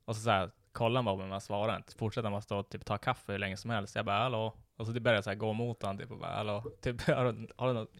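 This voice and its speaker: A man's voice: fairly low pitch, little pitch movement, hardly any pauses, dry recording, studio quality. A man telling a story in casual chat, full of slang and frequent laughter.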